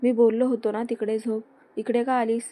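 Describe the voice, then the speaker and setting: A woman voicing a protective, short-tempered young husband who talks firmly and scolds, read in a flat, even way. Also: fairly high pitch, normal speed, close to an everyday voice. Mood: scolding. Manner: firm, scolding.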